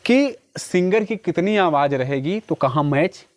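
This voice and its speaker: A man's voice: a little high, animated, a little slow, no echo. A man giving a one-on-one harmonium lesson, patiently explaining and checking that the student follows. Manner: sings short phrases to demonstrate notes. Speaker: music teacher.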